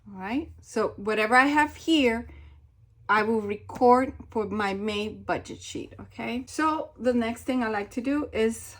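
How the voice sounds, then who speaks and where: A woman's voice: a little high, a little slow, fairly bright tone. A woman talking casually as she fills out her budget sheets, chatty and repeating herself, laughing at herself now and then. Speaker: budgeting vlogger. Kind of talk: casual talk while filling out budget sheets.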